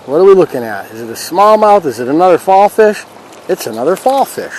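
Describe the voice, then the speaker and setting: A high-voiced man, fairly quick with big pitch swings and a darkish tone, gives folksy, casual fishing commentary. He hosts a fishing vlog, standing in a river and talking to viewers. The recording is low quality, with clear river and ambient noise.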